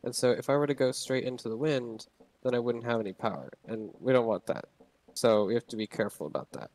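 Quick-paced and darkish in tone, a mid-range male voice gives a casual gameplay tutorial. The young narrator explains the game's sailing controls in a rambling way, with many fillers and restarts.

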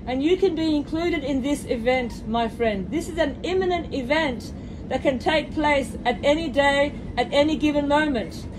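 Woman preaching loud on a train, high voice, phone recording with lots of train rumble. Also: normal speed. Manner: fervent, repeated hallelujahs and direct appeals. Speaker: street preacher. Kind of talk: preaching aloud to train passengers. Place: inside a moving commuter train. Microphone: phone camera held by the preacher.

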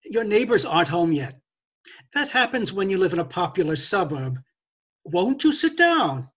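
An older man playing a glib, haughty gentleman thief in a stage play read over a video call, lecturing with theatrical condescension. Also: high-pitched, very animated, moderate pace, husky, exaggerated voice. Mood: smooth condescension. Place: indoors, curtained room.

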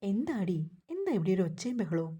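A middle-aged mother who alternately coaxes and scolds her son, voiced by a woman narrator. Her tone is dark and soft with a husky grain. Told as a storybook reading. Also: mid-range voice, big pitch swings, moderate pace. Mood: coaxing. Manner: coaxing, scolding.

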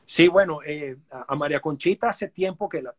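This is a Venezuelan man in his forties, a guest on a live video call from his living room, speaking in a little-high voice with a breathy edge. He talks fairly quickly and casually in this live-stream interview, stumbling through fillers and restarts.

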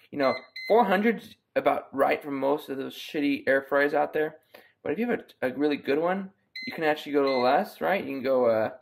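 A young home cook runs a playful cooking tutorial, tossing offhand remarks to the camera while he works in his kitchen. His voice is medium-pitched, and the wide-angle camera mic on the counter picks up a little hiss or hum.

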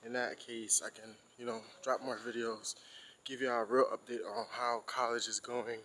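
A young man talks in a relaxed, loose way while he walks across campus, with his phone held out in front of him. His voice sits at an ordinary middle pitch. A faint hum of outdoor air runs behind him. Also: normal speed, poor audio. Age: young adult. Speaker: college student vlogger. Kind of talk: casual walking vlog.

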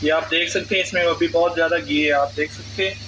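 A man's voice: fairly high pitch, fairly even intonation, quick pace, background noise. A man hosts a cooking channel and explains a recipe step by step. He speaks to his viewers as friends. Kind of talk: cooking tutorial. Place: home kitchen.

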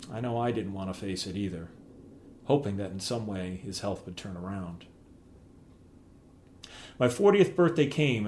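A middle-aged man reading aloud from his own memoir in a plain, measured storytelling way. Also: on the low side, darkish tone, a little hiss or hum.

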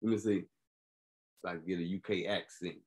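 A man's voice: sits low, a little fast. A man hosting a podcast, riffing on news stories in a casual, comedic, slangy way and constantly checking in with the listener. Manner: animated, slangy, keeps asking "you feel me". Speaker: podcast host.

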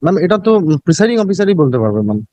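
A man with a Bengali Indian accent answering in court as an election officer, deferential and defensive, with halting repeated words. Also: high-pitched, sing-song, mellow, no echo. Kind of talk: answering questions in a court hearing.

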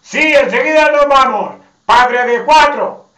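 A man voicing an irritated, quick-witted wife and mother of six in a told joke, speaking in a shrill, exclaiming way. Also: expressive, sharp tone, heavily acted. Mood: shrill, snappy. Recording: roomy, distant, dull sound.

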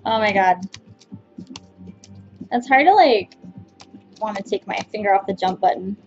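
A woman's voice: mid-range voice, expressive, measured pace, a little mellow, faint music behind. A young woman doing casual let's play commentary as the host, playfully self-deprecating, exclaiming and muttering as she plays. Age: young adult. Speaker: gamer host. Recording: slightly dull sound.

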